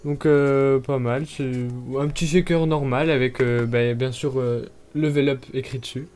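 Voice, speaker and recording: A man's voice: medium pitch, fairly even intonation, unhurried, a little mellow, slight background noise. A man chatting casually while unboxing products, hesitating often with fillers and breaking into short laughs.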